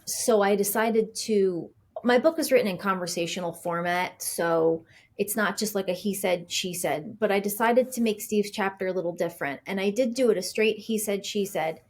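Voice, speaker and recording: Woman, middle-aged, podcast guest, author, chatty storyteller, acts out dialogue, lots of fillers, medium pitch. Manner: frequent fillers and restarts. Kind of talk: conversational interview storytelling.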